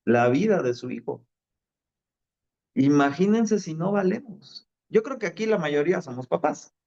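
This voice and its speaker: A man's voice: on the high side, animated, a little slow, creaky, darkish tone, muffled recording. A man preaching a sermon, telling stories in a conversational way and dropping fillers. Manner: conversational storytelling with fillers like "este".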